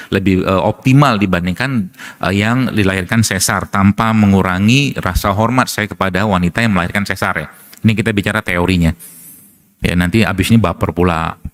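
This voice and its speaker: Chatty middle-aged male preacher telling stories. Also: low voice. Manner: chatty storyteller, laughs often, asks rhetorical questions. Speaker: preacher and doctor. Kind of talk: casual religious talk with anecdotes.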